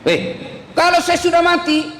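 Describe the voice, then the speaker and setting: A preacher voicing a desperate dead man who begs to be sent back to the world, in a pleading, high-pitched, drawn-out voice. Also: little pitch movement, fairly bright tone. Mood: begging. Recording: echoey hall reverb.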